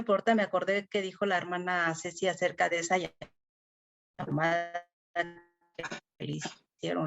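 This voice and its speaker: A woman's voice: medium pitch, muffled recording. A middle-aged woman, sharing a personal faith testimony in a Bible study class, earnest and emotional with many fillers.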